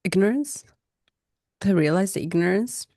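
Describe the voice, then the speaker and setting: A woman co-hosting a reflective spiritual podcast, speaking English as a second language, passionate and animated, laughing often. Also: mid-range voice, normal speed, no echo, studio quality. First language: not English. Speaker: podcast co-host. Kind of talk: casual reflective conversation.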